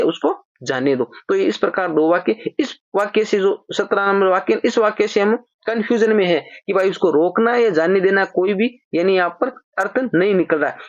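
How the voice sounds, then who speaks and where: A grammar teacher with a lilt to their works through exam-prep sentence corrections at a patient, explanatory pace. They read each example sentence slowly and more than once. The recording is dry and a little dull, like a simple lo-fi setup. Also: medium pitch, dry recording.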